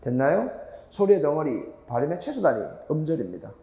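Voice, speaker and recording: 에코가 울리는 강의실의 남자 강사. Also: male voice, a little high, big pitch swings, a little fast, warm tone, roomy sound, big-room sound. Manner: rhetorical questions to students, emphatic repetition. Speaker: Korean grammar teacher. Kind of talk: lecture.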